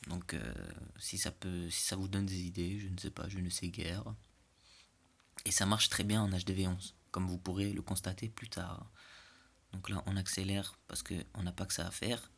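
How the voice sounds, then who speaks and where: A man's voice: sits low, little pitch movement, moderate pace, vocal fry, fairly bright tone, slightly rough. A man giving casual, joking commentary over game replays, chatty and often checking in with the listener. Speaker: clan war replay commentator.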